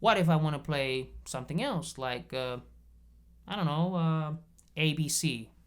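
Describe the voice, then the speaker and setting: A man teaching bass guitar in a casual video lesson, explaining patiently step by step and checking in often. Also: animated, unhurried, smooth. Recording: bass guitar playing between phrases.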